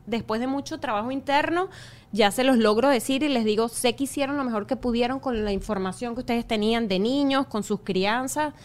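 Reflective woman guest, high voice. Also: fairly quick. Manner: talkative, reflective, often adds "¿sabes?". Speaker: guest mother of quadruplets. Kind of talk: casual interview chat.

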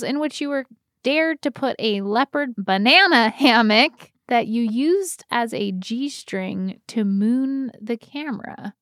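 A woman co-hosting a comedy podcast in casual chat, reading list items aloud in an animated way and laughing often. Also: fairly high pitch, no room sound, studio quality. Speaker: podcast co-host.

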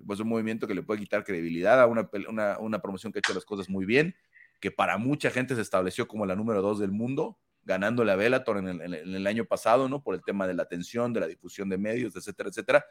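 A man's voice: lowish voice, fast talker. A man hosting a combat sports panel, talking fluently and emphatically with many fillers and tag questions. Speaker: host of an MMA analysis panel. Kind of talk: casual panel commentary.

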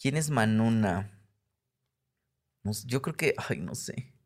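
A man's voice: on the low side, takes it slowly. A man with a Mexican Spanish accent, a comedian guest chatting casually and acting out the voices of the people in his stories. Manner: animated storyteller who acts out quoted voices; frequent tag questions and self-interrupting restarts. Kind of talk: casual conversational interview.

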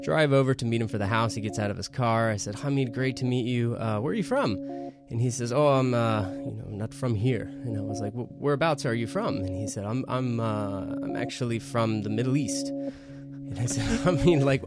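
A man co-hosting a podcast, casually retelling a story in a relaxed, chatty way. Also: medium pitch, brisk, hardly any pauses, over music. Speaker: podcast co-host.

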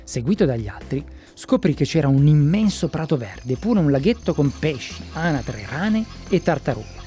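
A storyteller giving a lively, expressive reading of a children's story. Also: mid-range voice, normal speed, few pauses, faint music behind.

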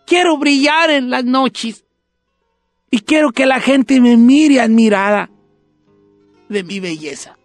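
A storyteller voicing a young Christmas tree that sobs and begs in a high voice. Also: takes it slowly, long pauses, dry recording, soft background music. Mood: sobbing. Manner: sobbing, high, begging voice.

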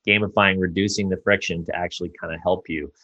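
A man speaking as a guest in a casual interview, upbeat and energetic, often restarting his sentences. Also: sits low, fast, dry recording, dull audio. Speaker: podcast guest.

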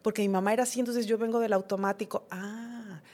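A woman's voice: mid-range voice, fairly even intonation, fast talker, a little mellow. A middle-aged woman, a podcast guest, talking reflectively in a conversational interview and acting out her own inner dialogues.

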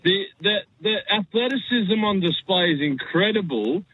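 High, husky, blokey Aussie male caller. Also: lively intonation, normal speed, dry recording. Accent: Australian. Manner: emphatic, enthusiastic. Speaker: radio phone-in caller. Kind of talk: casual, opinionated sports chat. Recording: dull, lo-fi phone call to radio.

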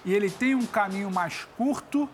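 A man's voice: high voice, normal speed, noisy background. A man hosting a football debate, thinking aloud with many restarts.

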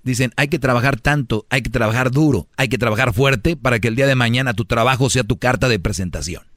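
A man's voice: mid-range voice, fast, a bit bright, no echo, clean studio sound. A man hosting a radio advice show, preachy and joking in a boastful way. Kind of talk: comic advice talk with callers.

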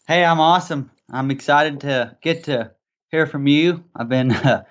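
A man's voice: a little high, measured pace. A man in his twenties with an Arkansas Southern accent, telling his story casually as a podcast guest in a rambling way. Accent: Arkansas Southern American. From Arkansas, USA. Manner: rambling, peppered with "you know".

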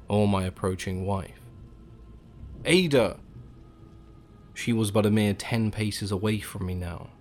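A man narrating a first-person horror story in a grim, hushed storytelling manner. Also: lowish voice, slight background noise. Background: music.

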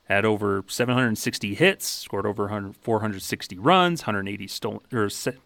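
A man hosting a sports podcast, brisk and matter-of-fact, rattling off statistics. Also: on the low side, creaky, a bit bright, dry recording. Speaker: podcast host. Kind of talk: sports podcast, reading stats.

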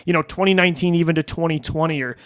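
A man hosts a sports podcast in casual, conversational chat, often sounding incredulous. His voice sits a little higher than most men's. The recording is dry and close. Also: racing, no echo. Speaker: podcast host.

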